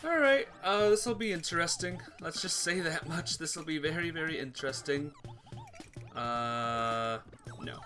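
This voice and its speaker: Streaming a visual novel, a man casually comments and reads the game's text out, stumbling at times and then correcting himself. He speaks unhurriedly in a pushed, bright voice on the high side, with game music behind.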